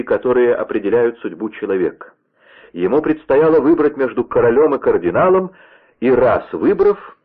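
A man narrating an adventure story in a steady, expressive reading voice. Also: medium pitch, slightly rough. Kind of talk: dramatic audiobook reading. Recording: tinny phone-like radio sound.

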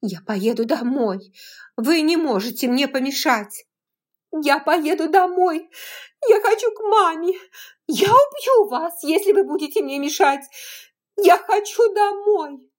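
A woman voicing Scarlett, shrill and desperate. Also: animated, unhurried. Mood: hysterical. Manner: shrill, pleading, breaking into sobs. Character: young willful Southern belle, desperate.

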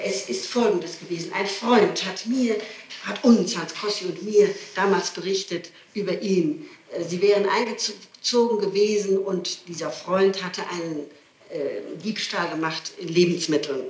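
On an archival interrogation tape, a woman being questioned by a prosecutor answers spontaneously, emphatic, pleading, and insistent. Her fairly low voice sounds reverberant, and the low-quality recording has a little hiss or hum.

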